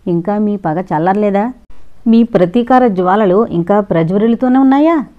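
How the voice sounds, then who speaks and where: A woman's voice: medium pitch, normal speed, close to an everyday voice. A woman voicing a fierce, loyal middle-aged wife and mother who speaks heatedly, in an audio novel on a dull lo-fi recording. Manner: heated, forceful.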